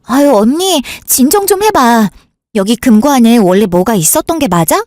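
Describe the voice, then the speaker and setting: A brisk, offhand younger sister, as a woman acts her out in a radio drama. Her fairly high voice moves lightly and lively. The sound is close and dry. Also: dry recording. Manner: brisk, offhand, brushes things off. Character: breezy, offhand younger sister, back from studying abroad. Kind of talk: Korean radio drama acting.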